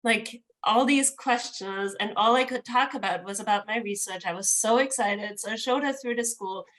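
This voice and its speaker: Woman telling an animated story. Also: medium pitch, moderate pace, rough recording. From Austria. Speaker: architect, studio co-founder. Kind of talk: conversational interview.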